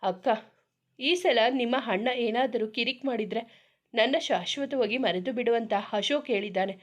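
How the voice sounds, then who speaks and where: A frightened young bride-to-be speaks slowly and pleadingly, close to tears, as a woman storyteller puts her on. Her voice sits a little high. It is an audio story, read aloud. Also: natural voice. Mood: fearful, tearful.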